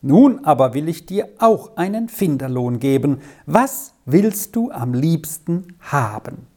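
A narrator voicing an eager, talkative little girl who plays the piano, with a raised, lively voice. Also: medium pitch. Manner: bright, talkative, quick to explain. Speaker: child musician.

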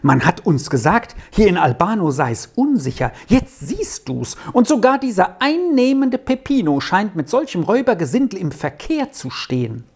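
A woman voicing an excitable, easily alarmed lady traveler in a storybook reading. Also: medium pitch, moderate pace, hardly any pauses, slightly rough, voice pushed up. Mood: agitated. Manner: agitated, excitable.

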